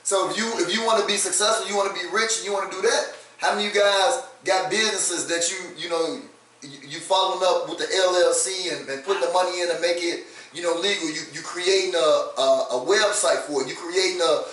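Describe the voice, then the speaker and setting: A man co-hosting a panel talk show, halting and repeating words as he poses motivational questions. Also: high-pitched, steady tone, fairly bright tone. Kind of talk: casual panel discussion. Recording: echoey room from far off.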